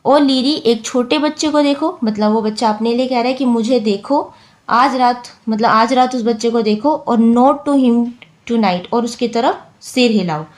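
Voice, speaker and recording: A woman teacher who reads English lines slowly, then explains them patiently in Hindi and counts syllables out loud. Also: a little high.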